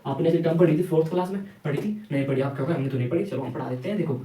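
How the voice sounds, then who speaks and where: A man's voice: on the high side, racing, warm tone, reverberant, recorded from a distance, slight background noise, rough recording. A man teaching a math lesson, who keeps asking the class questions and answering them himself. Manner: rhetorical questions answered himself, repeats "ठीक है".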